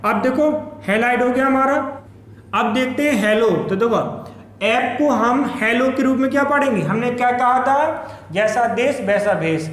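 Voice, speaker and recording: ऊँची आवाज़ वाला शिक्षक. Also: male voice, very high voice, moderate pace, fairly bright tone, echoey room. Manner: repeats each term and keeps asking "क्या पढ़ेंगे?". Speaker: chemistry teacher. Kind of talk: classroom lecture with call-and-response questions.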